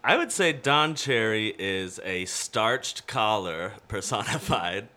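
A fairly low but forceful male voice. He co-hosts casual comedy chat, offering jokes in a dry, tentative way. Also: animated, takes it slowly.

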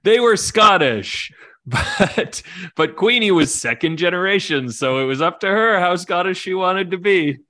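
A man's voice: high voice, expressive, unhurried, sharp tone. A man hosting and narrating an improvised comedy story in a playful, laughing way. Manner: playful, laughing through lines. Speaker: host and narrator.

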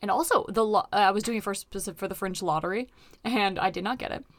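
A woman at a middle pitch, recorded close and dry, hosts a casual comedic chat. She is exclamatory and slangy, and swears freely. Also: fast, dry recording. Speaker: podcast host, comedian.

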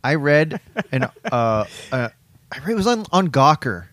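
Animated man co-hosting a comedy podcast. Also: on the high side, normal speed, no room sound. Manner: rambling storyteller, animated. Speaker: podcast co-host. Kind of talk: casual comedy chat.

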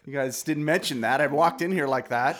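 A man in a casual comedic chat, animated and quick to laugh, often trailing off mid-thought. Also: fairly high pitch.

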